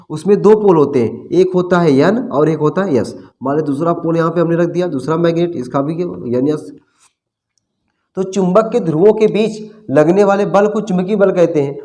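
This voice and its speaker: Teaching physics in a relaxed classroom style, this man with a somewhat high, slightly mellow voice asks questions only to answer them himself. He keeps repeating the important terms and addresses his students as brother.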